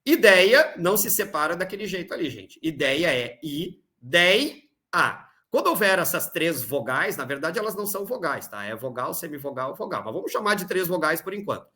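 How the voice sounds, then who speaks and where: A male Portuguese teacher from southern Brazil, speaking with a gaúcho accent, talks through an exam review. His voice sits a little high and sounds bright and forceful. He explains patiently, checks in with his students and slows down to spell out each example. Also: sing-song. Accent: Rio Grande do Sul Brazilian Portuguese. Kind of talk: recorded exam-review lesson.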